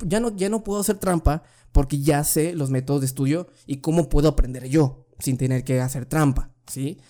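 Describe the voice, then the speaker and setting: A young Mexican man tells a school story from his room at home. He talks in loose, slang-heavy bursts and keeps restarting his sentences. His voice is mellow and soft-edged. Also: on the high side. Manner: slangy, says "güey" constantly, many restarts. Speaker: vlogger giving school advice. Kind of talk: casual storytelling. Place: room at home, family downstairs.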